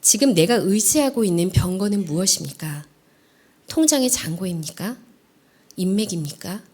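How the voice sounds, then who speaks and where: Woman, evangelist, early morning sermon, very animated pitch, earnest, hushed phrase endings. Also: normal speed, breathy edge. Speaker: evangelist preaching. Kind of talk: dawn prayer sermon.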